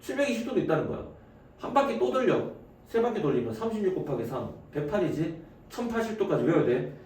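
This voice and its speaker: A man teaching high school math in a classroom lecture. He asks his students questions, answers them himself and talks to them casually. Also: very animated, quick pace, darkish tone. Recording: echoey room, distant mic, faint noise.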